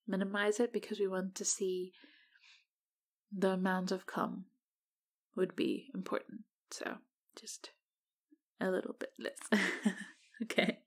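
Husky whispering woman, slow and soft. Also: mid-range voice. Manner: flirtatious, gentle. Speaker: roleplay researcher. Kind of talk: ASMR roleplay.

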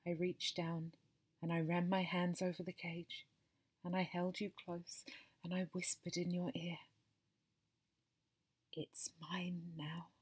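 A woman softly narrating an intimate monologue to the listener, breathy and slipping into whispers, tender and possessive in manner. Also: lowish voice, completely flat delivery, unhurried. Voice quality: breathy and soft. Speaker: narrator of an intimate audio story.

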